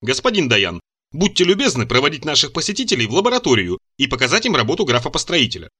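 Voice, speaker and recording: A polished, gracious male scientist, voiced by a man reading a story aloud. His lines are courteous and coaxing, with a bright tone that rises and falls in lively swings. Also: mid-range voice, quick pace, full character voice. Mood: smooth, courteous. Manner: courteous, smooth and persuasive. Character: suave polite male lab scientist, smooth talker. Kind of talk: audiobook character reading.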